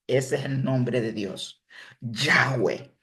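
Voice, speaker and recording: A man giving an online religion lesson, explaining step by step, pausing to correct himself and checking in with his listeners. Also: mid-range voice. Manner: self-correcting, pauses to fix slips. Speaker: religion teacher. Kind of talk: online class lecture.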